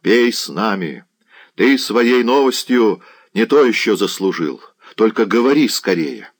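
A man reading an audiobook, voicing a small knight who speaks in a measured, sober way. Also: lowish voice, animated. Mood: calm. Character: small knight, calm and grave.

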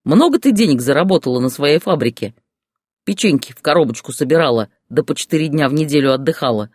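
A man voicing a furious, jealous ex-husband in an audiobook story, shouting in a rage. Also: fairly high pitch, lively intonation, normal speed, no echo, clean studio sound, pitched above the performer's own voice. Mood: raging. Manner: shouting, raging rant.

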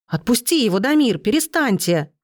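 A woman's voice: mid-range voice, brisk, a little mellow, no echo, studio quality, pitched above the performer's own voice, close to an everyday voice. A woman voicing a young pregnant woman in a storybook, trembling and pleading. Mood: frightened.

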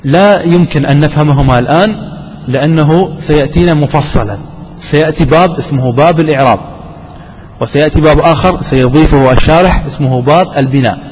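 A man's voice: fairly high pitch, quick pace, a little mellow, a little hiss or hum. Man teaching grammar in an echoey hall. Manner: asks the class questions and answers them himself. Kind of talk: grammar lesson. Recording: dull recording with long hall reverb.

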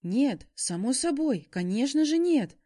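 A woman's voice: mid-range voice, sing-song, normal speed, warm tone, no room sound, studio quality, natural voice. A woman voicing a hot-tempered, possessive young werewolf man who growls, then turns flustered and defensive.

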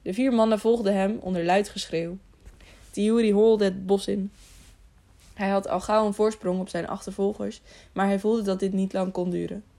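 A woman narrating a children's audiobook in a steady storytelling manner. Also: medium pitch, moderate pace. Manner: steady storytelling, slight stumbles. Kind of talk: scripted narration.

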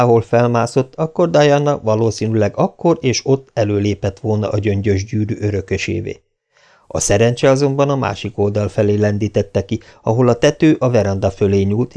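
A man reading an audiobook aloud in a measured, steady way. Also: on the low side. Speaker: audiobook reader. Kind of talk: scripted narration.

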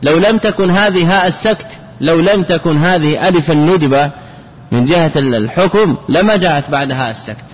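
A man's voice: a little high, fairly quick. A man with a slightly raised voice teaches a grammar lesson. He poses rhetorical questions and restates key phrases again and again. The sound is dull and lo-fi, with a long hall echo. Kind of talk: classroom lecture on Arabic grammar.

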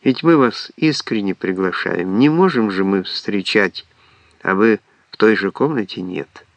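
A man's voice: on the low side, unhurried, no room sound. Alexey, a flustered kindly young man, as the reader plays him. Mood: earnest. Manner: earnest, flustered.

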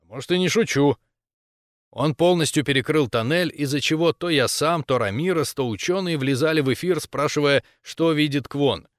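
A man narrating a first-person science fiction story in a steady storytelling manner. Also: a little high, moderate pace, hardly any pauses, no echo, studio quality. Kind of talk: audiobook narration.

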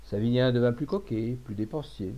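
A man reading a classic tale aloud, measured and expressive, on a dull lo-fi recording. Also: mid-range voice. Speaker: narrator.

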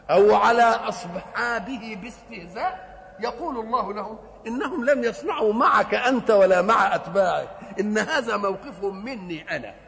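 An older man with an Egyptian accent preaching a sermon, asking rhetorical questions and answering them himself. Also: high-pitched. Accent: Egyptian Arabic. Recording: hall reverb with faint noise.

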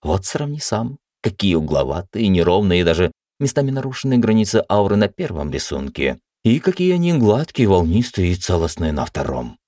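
A man's voice: low voice, big pitch swings, a little fast, few pauses, dark tone, dry recording, clean studio sound, voice pushed up. A man voicing an anxious, tender young female mage who pleads emotionally in a raised voice. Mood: explaining.

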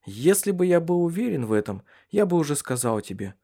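A man's voice: a little high, big pitch swings, brisk, dark tone, voice pushed up. Dry, curt husband, as a man reads him. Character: wry, stubborn paralyzed husband. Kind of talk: audiobook character reading.

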